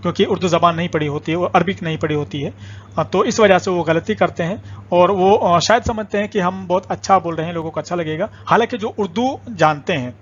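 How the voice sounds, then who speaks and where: Casting note: high-voiced male teacher, patient and repetitive, many hesitant pauses, dull lo-fi recording. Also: slight background noise. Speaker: Urdu teacher. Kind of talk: online language lesson.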